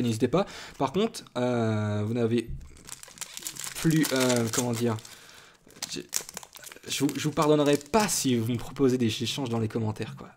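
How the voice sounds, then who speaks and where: A man's voice: medium pitch, darkish tone. Chatty man rambling through card names. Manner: chatty and rambling, listing card names, self-deprecating asides. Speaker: YouTube card-opening host. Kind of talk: casual booster-opening commentary.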